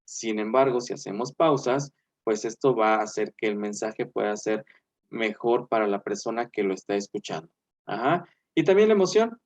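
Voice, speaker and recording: A male teacher giving an online class in a chatty way, filling pauses with "eh" and "este" and checking in with "¿verdad?". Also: lowish voice, animated, a little mellow.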